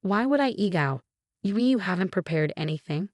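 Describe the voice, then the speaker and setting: A woman's voice: mid-range voice, expressive, a little fast, no echo, lightly acted. A woman reading the lines of a cruel, dismissive husband who scolds his wife. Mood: scolding.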